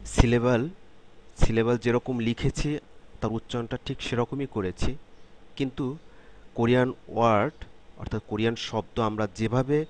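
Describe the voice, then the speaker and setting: A man teaching a beginner vocabulary lesson, saying each word slowly several times and then explaining its meaning. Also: medium pitch, darkish tone. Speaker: language teacher. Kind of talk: slow, repetitive vocabulary lesson.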